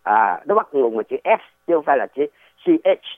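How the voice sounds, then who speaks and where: Man, casual explanatory talk, rambling, lively swooping pitch, tinny phone line. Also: fairly quick, dry recording. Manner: rambling, digressive, rhetorical questions.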